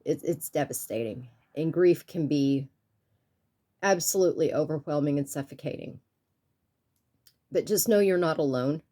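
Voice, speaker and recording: Low-voiced woman, halting and tearful. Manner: halting, with many pauses and restarts; earnest and soft-spoken. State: stuffy sinuses. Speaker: YouTube art channel creator. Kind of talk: personal vlog talk to viewers.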